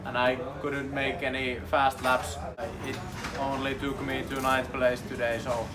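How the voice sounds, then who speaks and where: A man's voice: medium pitch, monotone, unhurried, loud music behind the voice. A man speaking simple English, giving an informal update as a racing driver. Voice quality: non-native English with simple phrasing. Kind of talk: informal race weekend update to camera. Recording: noisy outdoor racetrack paddock.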